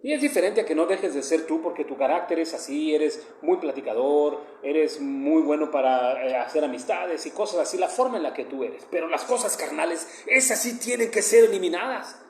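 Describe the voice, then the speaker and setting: Man, northern Mexican accent, devotional talk, fairly high voice, echoey room with faint background hum. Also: moderate pace, hardly any pauses. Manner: conversational, earnest, often rising to emphatic. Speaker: preacher. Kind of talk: devotional meditation.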